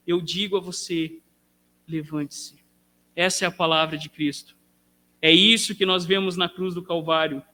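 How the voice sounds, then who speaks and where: A man's voice: sits high, pushed and bright. A male pastor with a Brazilian Portuguese accent, preaching a sermon with rising emphasis and direct questions to the congregation.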